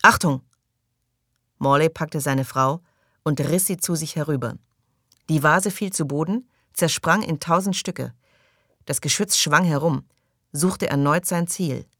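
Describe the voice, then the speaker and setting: Low, gravelly woman narrating a story. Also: measured pace, fairly bright tone, dry recording, clean studio sound. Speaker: audiobook reader. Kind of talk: scripted narration.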